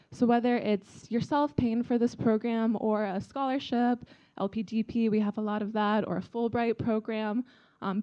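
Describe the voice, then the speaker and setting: This young adult from China, an embassy vice consul with an American accent, speaks to an audience of students in a friendly, informal way. Her fairly high voice is mellow, captured with lo-fi sound.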